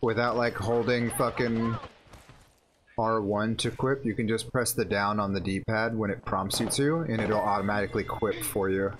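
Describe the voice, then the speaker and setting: A young man streaming a shooter game, chatting casually and excitedly with a friend, swearing often. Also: fairly low pitch, normal speed, a little hiss or hum. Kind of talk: casual gaming chat.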